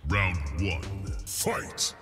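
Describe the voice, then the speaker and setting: Fighting game announcer, deep, portentous, long reverb, music behind. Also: male voice, very animated, pushed and bright, exaggerated voice. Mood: commanding. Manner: slow, portentous round calls.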